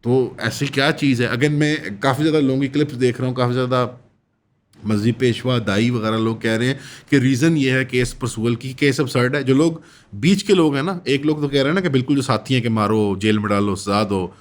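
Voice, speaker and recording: A man from Pakistan speaks straight to his viewers in an opinionated commentary monologue. His voice sits at an ordinary middle pitch, and he sounds emphatic and critical. English phrases slip into his speech. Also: fairly quick. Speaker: commentary channel host.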